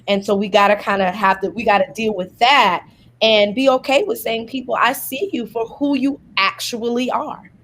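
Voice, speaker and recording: A woman's voice: fairly high pitch, fairly even intonation, normal speed, a bit bright, a little hiss or hum. A woman guest in a conversation, explaining her view thoughtfully with a lot of "like" and "kinda.". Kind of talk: casual conversation.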